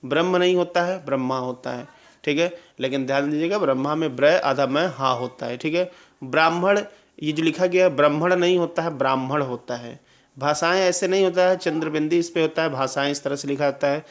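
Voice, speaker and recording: A man teaching an exam-prep Hindi lesson, drilling correct spellings and checking with quick questions. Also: a little high. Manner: drills answers with repeated questions and "clear?" checks.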